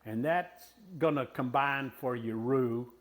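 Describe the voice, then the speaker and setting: A man in his sixties speaks with a West Texas twang at a slow pace. His medium-pitched voice has a folksy, unscripted manner, pausing often as he walks through a cooking demonstration. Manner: folksy, unhurried, with pauses. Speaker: home cook presenting a recipe.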